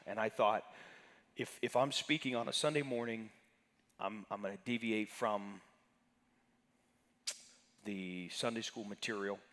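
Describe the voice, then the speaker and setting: A man's voice: on the low side, fairly bright tone. A man pastor leading an interactive Sunday class, talking conversationally and calling on members of the congregation by name. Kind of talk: interactive church teaching. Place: church sanctuary. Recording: reverberant sanctuary hall.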